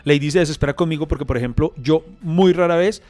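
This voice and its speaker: A young man, co-hosting a podcast in casual chat, telling lively anecdotes and laughing often. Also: on the high side, quick pace. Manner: animated storytelling, laughs often, mock voices. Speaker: podcast co-host.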